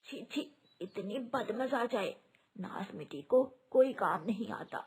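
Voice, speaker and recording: A bitter old mother-in-law bird from a cartoon scolds with contempt, as a woman puts her on. Her voice is sneering and bossy and goes a little husky and low. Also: expressive, measured pace, darkish tone, full character voice. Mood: scornful.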